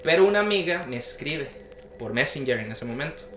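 Young adult male storyteller, animated, acts out quoted voices, slightly high voice. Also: brisk, slight background noise. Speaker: podcast guest telling a story. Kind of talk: casual storytelling chat. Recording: roomy echo.

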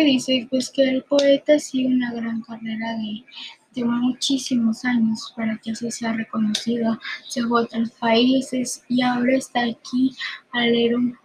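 A woman's voice: a little high, darkish tone, slight background noise, rough recording. A woman telling an improvised story in a meandering way, often dropping to a whisper.

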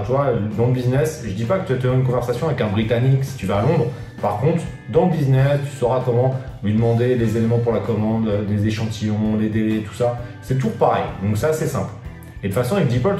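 In this casual advice video, an online business coach speaks quickly in a warm, medium-pitched voice, looking right into the camera. He uses slang, lots of fillers, and the informal "tu" with his viewer. Faint guitar music plays in the echoey room.

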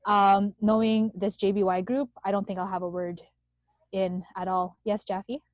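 A woman's voice: mid-range voice, flat delivery, normal speed, dry recording. A young woman hosting a casual group question game, playful and giggly as she steers the questions. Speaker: host.

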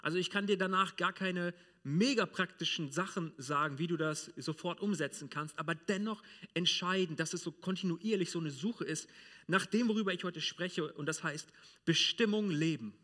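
A man from Germany preaches to his congregation with a high, clear voice. His delivery is lively and direct, and he talks to his listeners informally. The tone is bright and forward. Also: normal speed. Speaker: pastor. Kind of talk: sermon. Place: church.

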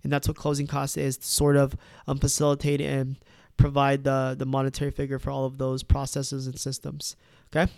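A man's voice: medium pitch, completely flat delivery, fairly quick, gravelly, darkish tone, clear, resonant tone, no echo, clean studio sound. A man who works in real estate, sounding stuffed up from a cold, gives casual advice and keeps checking in with "right?" and "you know.". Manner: conversational, tags points with "right?" and "you know". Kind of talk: casual advice talk to camera.

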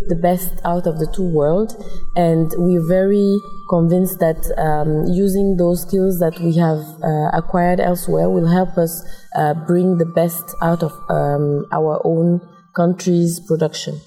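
Dark, mellow woman in an echoey hall. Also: on the low side, little pitch movement, measured pace. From Togo, raised in Africa and Europe. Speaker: interviewed brand co-founder. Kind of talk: conference interview. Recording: echoey hall, music behind.

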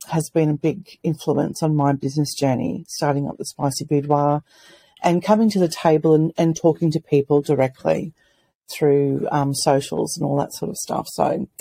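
A woman's voice: deep voice, warm tone, no echo. A woman in her fifties hosting a podcast, playful and gushing as she teases and introduces her guest. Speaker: podcast host. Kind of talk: casual interview chat.

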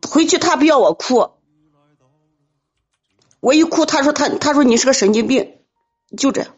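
Halting distressed woman on a dull line. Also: sits high. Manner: halting, repeating herself, distressed. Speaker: caller. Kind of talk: telling her troubles on a call-in.

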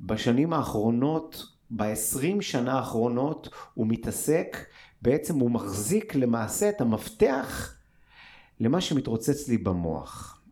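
A man's voice: mid-range voice, big pitch swings, dark tone. A man interviewing a guest in casual chat, informal and self-deprecating, putting things in a layman's words.

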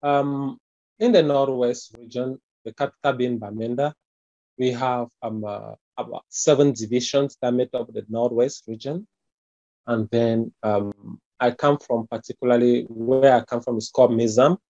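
Man, Cameroonian accent, hesitant with many fillers, relaxed dark tone, dry close sound. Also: mid-range voice, moderate pace, no echo, dull audio. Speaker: interviewee. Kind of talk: casual conversational interview.

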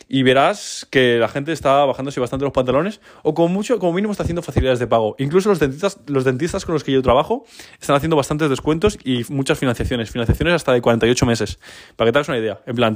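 A man in his twenties from Spain, chatting informally as a podcast host and giving business advice, with frequent tag questions. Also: medium pitch. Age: 20s. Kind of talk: casual business podcast monologue.

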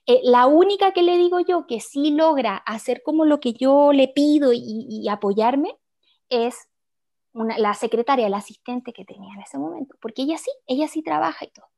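A woman, the guest of an interview, telling a work story in an animated, chatty way full of little fillers. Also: high-pitched, moderate pace, vocal fry. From Chile. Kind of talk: conversational storytelling.

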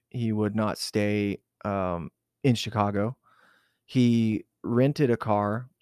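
A man's voice: fairly low pitch, darkish tone, smooth, no room sound, clean studio sound. A man from southern Arizona recalling a personal memory in an unscripted interview, hesitant and reflective, with many fillers and restarts. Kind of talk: unscripted oral-history recollection.

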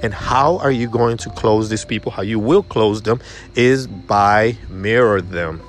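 A sales trainer gives a motivational sales lesson in an emphatic coaching style, acting out the voices of customers. His voice is lowish and his delivery a little slow.

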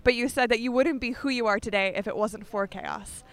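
A woman from Canada with a fairly high voice talks in a friendly, chatty way. She uses plenty of fillers as a podcast co-host and street interviewer. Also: brisk. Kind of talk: casual chat and interviewing.

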